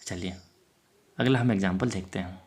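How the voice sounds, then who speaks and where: A man's voice: low voice, normal speed, a little mellow, slightly rough. Man teaching a grammar lesson. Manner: repeats rhetorical checks to the viewer. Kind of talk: explanatory online lesson.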